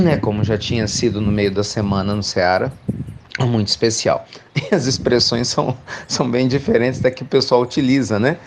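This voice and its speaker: A man's voice: medium pitch, normal speed, background noise. A middle-aged Brazilian man giving an informal spiritual reflection, talking chattily and often asking rhetorical questions. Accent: Brazilian Portuguese. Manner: chatty, warm, peppered with rhetorical tag questions. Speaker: spiritual speaker.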